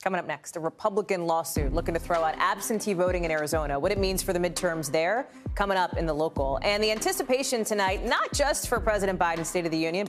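A woman anchoring a live news show, presenting stories in a brisk, conversational and chatty way. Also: on the low side.

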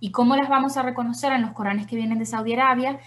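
Woman teacher, bit high voice, patient, keeps checking in w her students, repeats examples slow. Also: steady tone. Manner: patient, checks in with "¿ok?" and "¿verdad?" often, repeats Arabic examples slowly. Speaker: Quran recitation teacher. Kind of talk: explanatory tutorial lesson.

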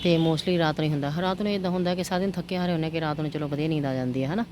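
A woman with a fairly low voice talks through her day in a casual home vlog. She is chatty and keeps turning to her viewers for agreement. The handheld recording carries plenty of noise behind her. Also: fairly even intonation, rapid-fire. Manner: chatty, addresses viewers with frequent tag questions. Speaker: home vlogger and mother. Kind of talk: casual daily-routine vlog chat. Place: around the house, partly outdoors.

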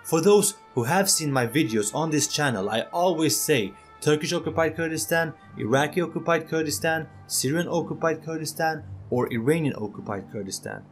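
A man's voice: on the high side, lively intonation, moderate pace, few pauses. Earnest man making his case over faint music. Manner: earnest, persuasive, addresses viewers directly. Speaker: channel host. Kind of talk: opinion video voice-over.

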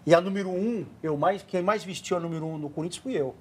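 A man's voice: sits high, fast. A man in his forties with a São Paulo accent, a studio guest chatting casually and giving earnest advice to children. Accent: São Paulo Portuguese. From Brazil. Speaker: studio guest, former goalkeeper.

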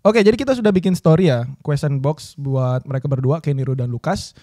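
A man's voice: on the high side, a little fast, warm tone, dry recording, studio quality. Chatty man hosting a podcast. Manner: playful, laughs often, asks questions. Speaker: podcast host. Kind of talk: casual podcast chat.

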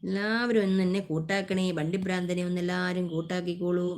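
A woman's voice: fairly low pitch, little pitch movement, fast talker, darkish tone. Chatty woman live-streamer, teasing viewers. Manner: chatty, greets viewers by name and begs for likes; affectionate, teasing. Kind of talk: casual live-stream chat.

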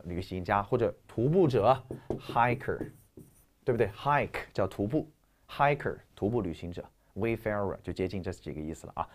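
In a recorded lecture, a man with a mid-range voice teaches English vocabulary in a lively, emphatic way, dropping into soft asides while he explains words.

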